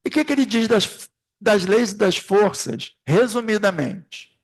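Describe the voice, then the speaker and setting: A man's voice: high voice, lively intonation, unhurried. A man leading an informal spiritist study class, rambling through anecdotes and speaking straight to the group. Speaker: class facilitator.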